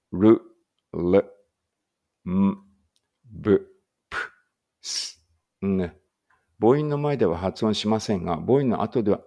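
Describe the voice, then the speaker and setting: A man's voice: lowish voice, gravelly, mellow, breathy edge. A man reading a study text aloud in a casual study-along and thinking aloud in muttered asides. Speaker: language teacher reading aloud.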